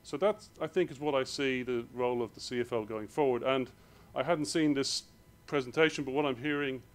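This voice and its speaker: A man with an Irish accent, giving a hurried conference presentation in a hall. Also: medium pitch. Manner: rushed, hurried delivery. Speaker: conference speaker.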